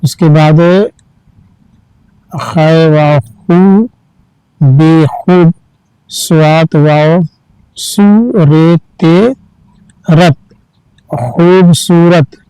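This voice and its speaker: Slow, patient male reading teacher. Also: on the high side, steady tone, warm tone, smooth, dry recording, low-quality recording. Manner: spells each word letter by letter, then reads it slowly. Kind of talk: slow letter-by-letter reading lesson.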